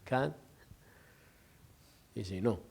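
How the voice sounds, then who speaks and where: A man's voice: lowish voice, lively intonation, very slow, creaky, darkish tone, breathy edge. A man, a sheikh giving an informal religious lesson, telling stories, joking and laughing, and acting out dialogue. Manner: conversational, jokes and laughs, acts out dialogue.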